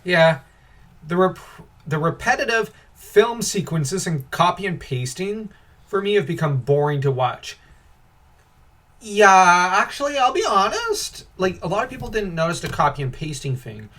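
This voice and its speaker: A man's voice: high voice, unhurried. A young man co-hosting a casual podcast, reading film reviews aloud and mocking them with sarcasm and frequent laughter. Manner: sarcastic, laughs often, animated ranting. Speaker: podcast co-host.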